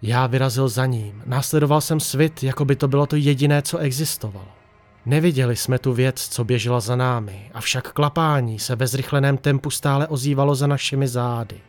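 A man narrating a horror story in a tense, hushed storytelling manner. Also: mid-range voice, soft background music.

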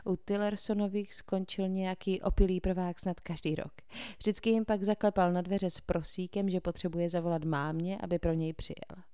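A woman narrating a novel aloud, reading in a steady, clear way. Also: on the low side, no echo, studio quality. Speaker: audiobook narrator. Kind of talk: scripted narration.

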